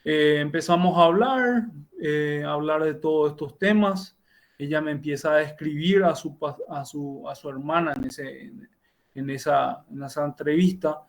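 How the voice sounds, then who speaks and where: Over a video call, a middle-aged man who is a doctor and university lecturer teaches a class by telling a clinical case. His voice is a little high and creaky, and his delivery is halting, full of restarts, self-corrections, and tag questions.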